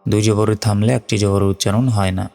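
A man with a Bangladeshi accent, teaching Quran reading by spelling out letters and then chanting each verse slowly. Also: on the low side, flat delivery, vocal fry, warm tone, long reverb tail. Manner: slow and deliberate, chanting verses.

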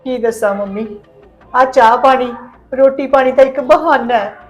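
An actress playing a tearful young daughter-in-law, speaking softly and pleading in a drama. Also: female voice, high voice, moderate pace, soft background music, lightly acted. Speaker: actor. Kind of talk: Punjabi web drama acting.

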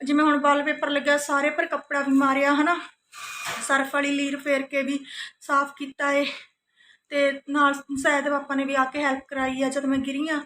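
Tired, chatty high-voiced woman vlogger. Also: completely flat delivery, normal speed, fairly bright tone, slight background noise. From Punjab. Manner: chatty, tags sentences with "hanna". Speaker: family vlogger. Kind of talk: casual home vlog chat and voice-over.

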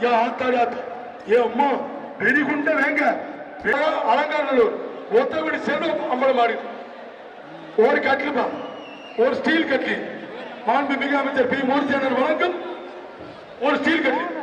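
Man shouting through an arena loudspeaker. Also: very high-pitched, measured pace, long pauses, slight background noise. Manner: excited, shouting, repeating short cries. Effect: heard through a public-address loudspeaker. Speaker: bull-taming event announcer. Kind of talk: live commentary over loudspeaker. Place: open-air arena with a large crowd. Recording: echoing loudspeaker from far off over crowd.

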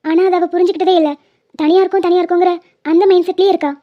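A woman's voice: very high-pitched, little pitch movement, racing. A woman voicing a bossy young college student who lectures her friend in a cartoon. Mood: warning. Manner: scolding, lecturing. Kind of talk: animated cartoon voice acting. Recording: dull lo-fi sound.

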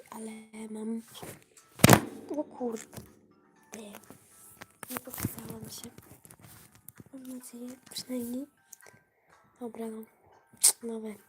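Slow, whispery woman streamer with a cold. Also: fairly high pitch. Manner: often drops to a whisper while playing; chatty asides to viewers, easily flustered. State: voice affected by a cold. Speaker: gaming livestreamer. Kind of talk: casual live gaming stream.

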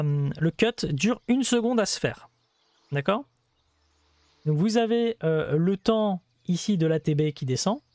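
A man's voice: sits high, darkish tone, dry recording. A man hosting a gameplay video, casually explaining the game in a chatty way with many hesitations and asides.

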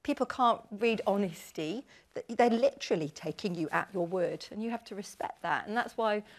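A woman in her forties, a podcast host speaking on a panel at an industry event, talking earnestly and with animated emphasis. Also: medium pitch, normal speed. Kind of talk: candid panel discussion.

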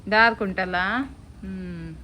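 A woman, a mother chatting casually in her home vlog and gently coaxing her child. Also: mid-range voice, slow pace, soft background music.

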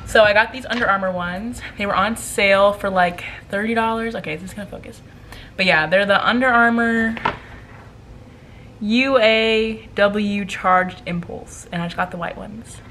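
Young adult American woman, casual vlogger, mid-pitched, chatty and rambling, recorded indoors on a noisy camera. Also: fairly quick, a bit bright. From Maryland, United States. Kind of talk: casual day-in-the-life vlog chat to camera. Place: rooms at home, indoors. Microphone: camera at arm's length or propped nearby. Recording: clearly noisy home camera audio.

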